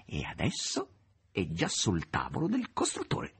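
A man voicing a sly, fussy demon servant with a theatrical manner and a husky voice. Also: on the low side, huge pitch swings, measured pace, full character voice.

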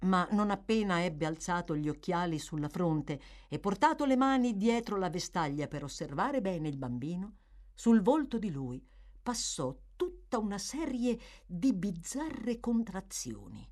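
A woman reads a classic novel aloud in an expressive, measured audiobook narration. Her voice sits on the low side yet moves through a wide, lively range of pitch. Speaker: audiobook reader.

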